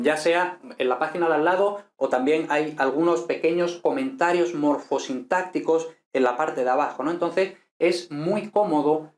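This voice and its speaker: A man teaching Latin, explaining a text in a relaxed, chatty way with many fillers and questions tacked on at the end. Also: on the high side. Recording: roomy echo.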